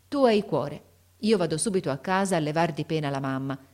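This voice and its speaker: Brief: woman reader doing a kindly, firm father, low and steady. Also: a little fast. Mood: tender.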